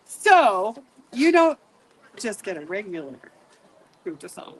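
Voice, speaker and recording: A woman's voice: mid-range voice, very animated, slow pace, rough recording. A woman presiding over a reenactment court, making informal spoken remarks to a gathering. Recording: clear background noise, live event ambience.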